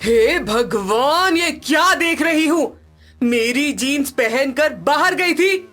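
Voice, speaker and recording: A woman's voice: fairly low pitch, slow, pitched below the performer's own voice. A woman voicing a strict, bossy middle-aged mother-in-law in a cartoon, stern and scolding.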